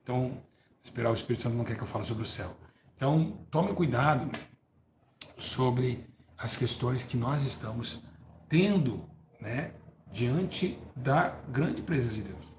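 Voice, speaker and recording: A man preaching a live-streamed hellfire sermon, fervent, repeating words and asking listeners for agreement, swinging from loud stresses to low murmurs. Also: animated, a little slow. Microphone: live-stream mic. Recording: roomy echo with faint background noise.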